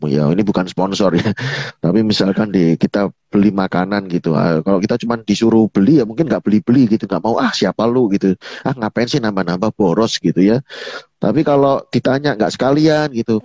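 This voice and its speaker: Low-voiced chatty coach. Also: male voice, fairly quick, mellow, no room sound. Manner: chatty, fills with "gitu ya", quotes others in a raised voice. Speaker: NLP coach, guest speaker. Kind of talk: casual explanatory talk. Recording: dull dry lo-fi online audio.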